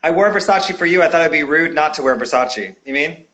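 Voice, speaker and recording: Host, male, higher voice, chatty and teasing, nightly video-call talk show. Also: fairly quick, a bit bright. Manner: chatty, playful, filler-heavy. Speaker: podcast host. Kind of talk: casual video-call interview.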